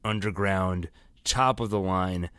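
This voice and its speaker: Low-voiced man recapping a show. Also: slow, a bit bright, clear, resonant tone, no room sound. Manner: conversational, explains plot at length. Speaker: podcast co-host. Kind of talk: casual recap chat.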